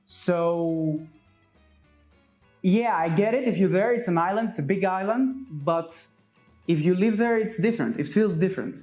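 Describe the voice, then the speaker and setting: A man's voice: high-pitched, moderate pace, a little mellow, faint music behind. A man, chatting as a guest in a barber's chair, thoughtful and hesitant with many fillers. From Crete, Greece. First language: Greek. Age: 20s. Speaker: guest, medical student. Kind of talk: casual chat.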